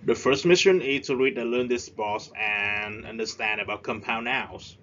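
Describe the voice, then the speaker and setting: A man teaching an English lesson, explaining at length and slowing down for emphasis. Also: medium pitch, a bit bright, a little hiss or hum. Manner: switches between explaining and slow, emphatic drilling. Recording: slightly dull lo-fi audio.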